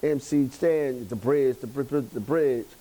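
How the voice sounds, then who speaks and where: A man's voice: medium pitch, unhurried, mellow, poor audio. A man telling a story casually in a documentary.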